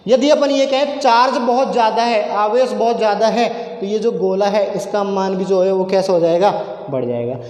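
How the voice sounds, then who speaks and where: A man's voice: high voice, moderate pace, darkish tone. A male physics teacher giving a classroom lecture, asking questions and answering them himself. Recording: echoey classroom with long reverb.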